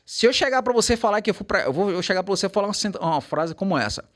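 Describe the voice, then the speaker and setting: Animated Brazilian English teacher. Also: male voice, sits high. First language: Portuguese. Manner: animated, switches to slow careful English examples. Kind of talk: casual teaching chat.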